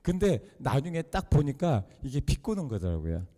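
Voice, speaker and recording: A man's voice: mid-range voice, big pitch swings, normal speed, warm tone, big-room sound. A man preaching as pastor in a church sanctuary, emphatic, repeating key phrases and asking rhetorical questions. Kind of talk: sermon.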